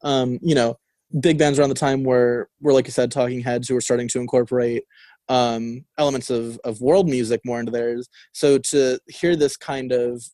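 In a radio studio, a young college radio co-host casually talks through a record, restarting often and using lots of fillers. He has a medium-pitched, dark voice with a steady tone at normal speed, recorded dry on a studio mic.

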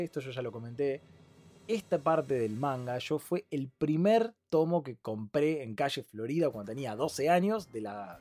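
A man with a Rioplatense accent co-hosting a casual podcast chat, lively and laughing often while acting out quotes. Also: medium pitch. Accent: Rioplatense Spanish. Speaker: podcast co-host.

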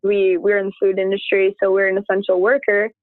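A woman's voice: medium pitch, monotone, fairly quick, no room sound. Woman talking over a thin phone-like line, dry sound, chatty, acts out her own quotes. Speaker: interviewee. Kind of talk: casual conversation.

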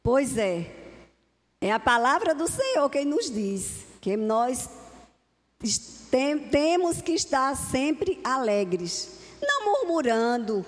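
High-voiced woman preaching in a reverberant hall. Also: big pitch swings, takes it slowly. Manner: earnest, repetitive preaching cadence. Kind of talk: sermon. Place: church hall.

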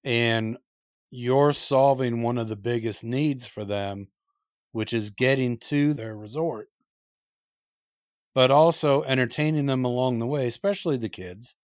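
A man's voice: mid-range voice, a little slow, no echo, clean studio sound. A man hosting a podcast, affirming his guest in a friendly way. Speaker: podcast host. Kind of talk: casual interview chat.

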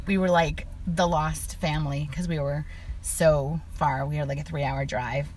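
Chatty middle-aged woman, lower voice. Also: fairly even intonation, a little slow, a little mellow, a little hiss or hum. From Illinois, USA. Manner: chatty, many "like" fillers, laughs while telling stories. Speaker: interview guest. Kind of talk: casual conversational interview.

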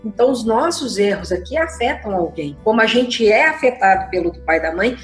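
A Brazilian woman speaks as a therapist answering a listener's question. Her talk is conversational and expressive, and she slips into the voices of the people she quotes. The room sounds echoey, with faint music behind her. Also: fairly high pitch, a little fast. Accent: Brazilian Portuguese. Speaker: systemic constellation therapist.

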